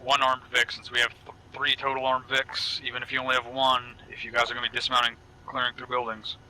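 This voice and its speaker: A man's voice: medium pitch, completely flat delivery, fast talker, bright, forceful tone, slight background noise, poor audio. A man giving blunt, instructive orders as a convoy commander in military game radio chatter.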